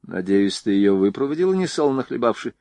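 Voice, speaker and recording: A headstrong young woman, voiced by a male audiobook reader, commanding and teasing, her voice raised well above his own. Her lines jump around lively. The recording is dry and close. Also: mid-range voice, fairly quick, no room sound. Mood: headstrong, bossy. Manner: bossy and teasing. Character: spirited headstrong young woman, a general's daughter.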